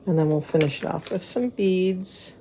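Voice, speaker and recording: A woman's voice: fairly low pitch, moderate pace, warm tone, a little hiss or hum, poor audio. A woman hosting a casual craft tutorial, chatting to viewers and muttering to herself as she works, with slurred, slushy s sounds. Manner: chatty, mutters to herself and to the materials while working.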